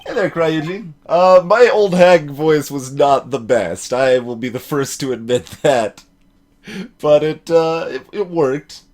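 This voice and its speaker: A man's voice: a little high, takes it slowly, a little mellow. Rambling male gaming streamer. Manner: rambling, with many fillers and chuckles. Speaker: let's play host. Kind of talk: casual gaming commentary to a live chat.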